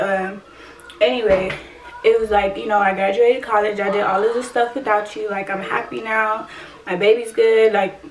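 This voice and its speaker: A woman in her twenties telling a personal story in a casual vlog, blunt, emotional and full of swearing. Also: mid-range voice. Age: 20s. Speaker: vlogger. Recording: roomy echo, distant from the mic, faint ambient noise.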